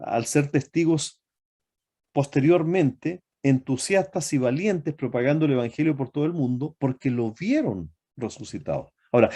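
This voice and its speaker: Speaking to his congregation, this preacher keeps posing rhetorical questions and stalls on fillers and self-corrections along the way. He has a fairly high, mellow voice.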